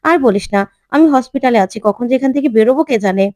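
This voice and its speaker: A quick-tempered young woman argues back indignantly in a retold family serial, voiced by a woman narrator. She speaks fast and high. The recording is dry. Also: darkish tone, no echo, natural voice. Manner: indignant, argumentative.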